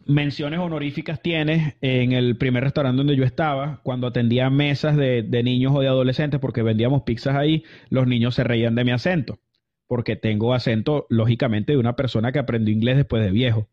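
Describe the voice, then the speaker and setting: Speaking at a brisk clip with medium pitch and fairly even intonation, this man from Venezuela rambles through stories as an interview guest. He's chatty, with lots of fillers and restarts, and the recording sounds dull and lo-fi.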